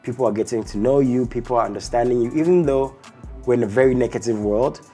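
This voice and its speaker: A man's voice: medium pitch, fast, warm tone, soft background music. A man hosting a casual interview, chatty and full of fillers and leading questions. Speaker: interview host.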